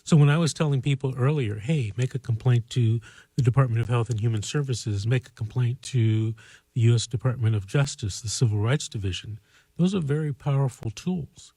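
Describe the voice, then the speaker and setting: A man hosting a call-in show, giving earnest legal advice in a measured, conversational way. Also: medium pitch, warm tone, no echo, low-quality recording.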